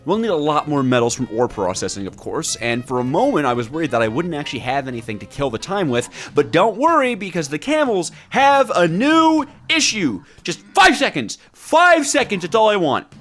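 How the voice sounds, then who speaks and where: A man's mid-range, somewhat bright voice narrates his own video game playthrough. The narration is scripted and full of dramatized reactions delivered with theatrical, wry exasperation, set against background music.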